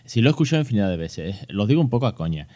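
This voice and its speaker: The podcast host, a man in his thirties with a Spain Spanish accent, talks rapid-fire in a lowish, dark voice with big swings in pitch. His casual educational chat is jokey and loaded with fillers and restarts.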